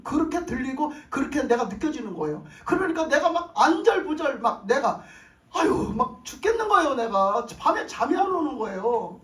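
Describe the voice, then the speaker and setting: A male pastor telling a testimony in his sermon, in an animated, emotional way. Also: extremely high pitch. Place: church sanctuary. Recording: roomy echo, mic at a distance.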